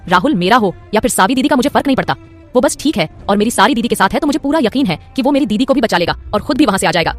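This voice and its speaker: A woman's voice: on the high side, lively intonation, rapid-fire, soft background music. A woman voicing a frightened but defiant young woman in an audio story.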